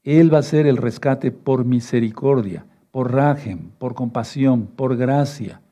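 A male preacher giving a fatherly sermon, reading scripture verses slowly and often checking in with his listeners. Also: mid-range voice, warm tone. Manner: fatherly, repeats "no, no, no" and asks "¿sí?"; reads verses slowly and rereads them.

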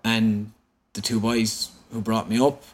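A man's voice: lowish voice, a little slow. An Irish man, an interview guest, recounting a personal story in conversation and acting out what people said. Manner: animated, quotes dialogue as he recounts.

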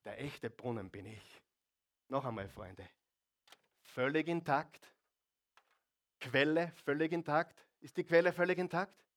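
A man preaching a sermon to a congregation, throwing out rhetorical questions and jokes, swinging between loud and quiet. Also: medium pitch. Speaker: pastor.

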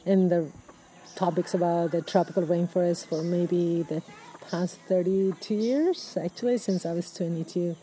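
A Peruvian woman in her fifties, an ecologist, speaking in a thoughtful, halting way with restarts and fillers, recorded outdoors in a rainforest. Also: lowish voice, steady tone, mellow, low-quality recording. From Peru. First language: Spanish. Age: 50s. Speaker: ecologist guest. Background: birds, people, general activity.

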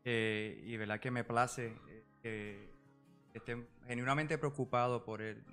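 Man, Puerto Rican accent, 40s, podcast guest, monotone delivery, hesitant fillers, faint music behind. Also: mid-range voice. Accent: Puerto Rican Spanish. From Puerto Rico. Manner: measured, full of filler "eh" and "¿verdad?" tags. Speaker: guest, psychology professional. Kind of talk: podcast interview.

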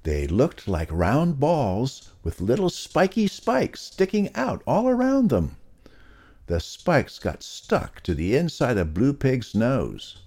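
A man reading a children's story aloud to young listeners in a slow, expressive storyteller manner. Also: slightly rough. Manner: slow, expressive storyteller delivery, swooping pitch.

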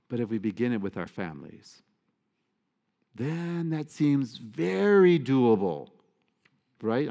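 A man's voice: medium pitch, a little mellow. A man, a priest, giving a sermon with earnest emphasis and playful asides. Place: church. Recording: long church reverb.

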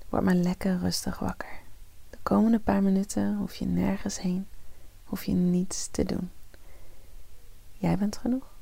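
Female meditation host, soft spa-style whisper, breathy and mellow, heavy creak, very dry close sound. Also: mid-range voice, dry recording, low-quality recording. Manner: soft, breathy half-whisper, slow and soothing. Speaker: host of a morning meditation podcast. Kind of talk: guided morning meditation, soft soothing ASMR-like delivery.

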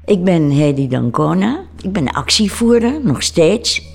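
A woman in her eighties, an activist, slowly reminiscing in an interview with searching pauses. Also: fairly low pitch, big pitch swings, vocal fry, breathy edge, soft background music. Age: 80s.

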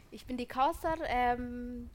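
A woman from Stuttgart, Germany, speaks hesitantly in a slightly high voice. She uses many fillers as she introduces herself. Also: steady tone, takes it slowly, darkish tone. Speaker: guest.

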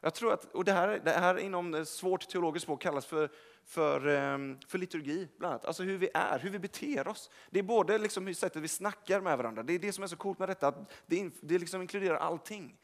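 A young man giving a casual, rambling sermon in a church, speaking directly to the congregation and correcting himself as he goes. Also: sits high. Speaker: preacher. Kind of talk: informal sermon. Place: church service hall.

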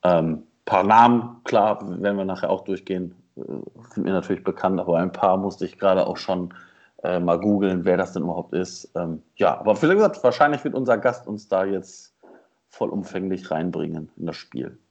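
A man's voice: low voice, moderate pace, a little mellow, lo-fi sound. A man co-hosting a podcast, chatting casually in hesitant, stop-and-start phrases. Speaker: podcast co-host. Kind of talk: casual chat.

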